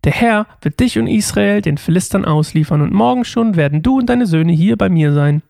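Stern old prophet ghost, guy reading it, gravelly and dry. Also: high-pitched, expressive, normal speed, darkish tone, no echo.

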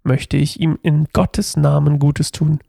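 A gracious ancient king speaks with a kindly, promising tone, as a man reads him aloud. The voice sits a bit high with a gravelly edge. It is dry and close, with no room sound. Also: little pitch movement, slow pace, mellow, no room sound, heavily acted. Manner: read aloud with slight lift.

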